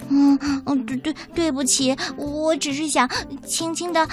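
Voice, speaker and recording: A woman's voice: high voice, steady tone, a little slow, over music, pitched above the performer's own voice. A woman voicing a curious, nosy young male piglet in a storybook reading, asking eager, prying questions.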